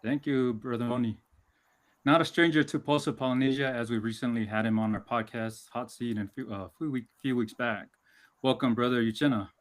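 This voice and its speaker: Host, male, from American Samoa, formal and measured, mid-pitched, video-call sound. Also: steady tone. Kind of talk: hosting an online panel.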